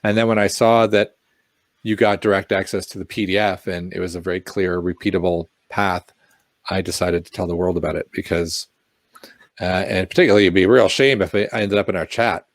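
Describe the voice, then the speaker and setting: Brief: man, lower voice, animated and jokey tech co-host, dry close mic. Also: a little fast, no room sound. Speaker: podcast co-host. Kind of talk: casual tech chat.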